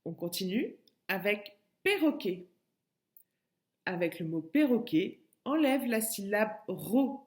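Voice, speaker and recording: Slow, patient French teacher woman. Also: mid-range voice, sing-song, darkish tone. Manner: slow, patient, spells words out syllable by syllable. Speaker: kindergarten teacher. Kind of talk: recorded lesson for a child at home.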